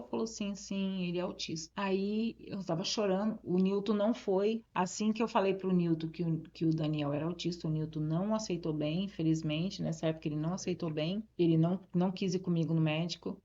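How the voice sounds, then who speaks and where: A woman's voice: on the low side, warm tone. A woman pastor from Brazil giving a personal testimony in an interview. She tells it with feeling and acts out the dialogue. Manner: emotional storytelling, acts out dialogue. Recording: slightly dull, muffled audio.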